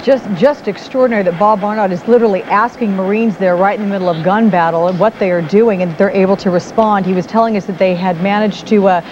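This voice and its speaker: A woman's voice: medium pitch, quick pace, few pauses. An American middle-aged woman anchoring live breaking news from a TV studio, emphatic and urgent. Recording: dull broadcast sound over noisy feed.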